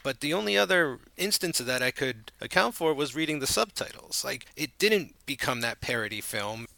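A man co-hosting a casual film podcast, talking in a relaxed, rambling way with lots of fillers. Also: medium pitch, moderate pace, vocal fry, dry recording. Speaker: podcast co-host.

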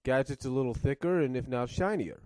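A man's voice: mid-range voice, a little fast, a little mellow, no room sound. A man reviewing cartoons in casual commentary, rambling and circling back to rephrase, coughing now and then with a cough drop in his mouth.

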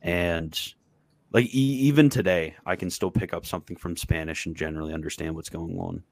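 Low voiced guy hosting a stream, lots of restarts mid-sentence, super dry sound. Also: fairly quick, gravelly, a little mellow, no echo. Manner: thinking aloud, frequent restarts. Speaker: host. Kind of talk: casual livestream chat.

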